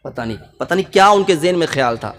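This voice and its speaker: A man preaching a sermon with fervor, building to shouted peaks. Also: on the high side, animated. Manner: impassioned, rising to shouted peaks. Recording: echoey hall reverb.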